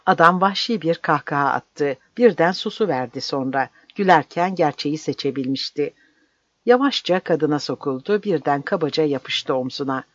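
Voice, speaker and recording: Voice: mid-range voice, expressive, moderate pace, fairly bright tone, no echo. Dry, intense audiobook narrator. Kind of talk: dramatic literary narration. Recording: dry, slightly dull audiobook recording.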